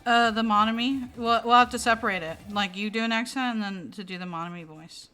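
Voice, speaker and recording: Young female streamer host, bright tone, teasing banter, soft music underneath. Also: a little high. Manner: teasing, protesting, quick to laugh. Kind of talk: casual stream chat. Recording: faint music in background.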